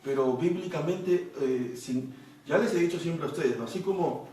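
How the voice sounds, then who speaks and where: A man with a fairly high, dark-toned voice preaches a Bible study sermon at a moderate pace, explaining verses and frequently checking in with listeners through rhetorical questions. He sounds distant, in an echoey room.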